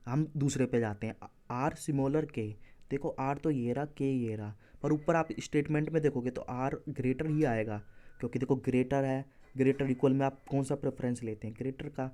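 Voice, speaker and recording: A man's voice: medium pitch, steady tone, normal speed, mellow. A man teaching exam reasoning, explaining step by step and correcting himself. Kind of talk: exam-prep lesson walking through answers.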